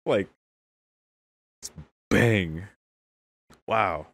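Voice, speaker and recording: A man's voice: lowish voice, very slow, gravelly, fairly bright tone. A young man hosting a casual anime reaction, exclaiming candidly, often laughing and swearing. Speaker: anime reaction channel host.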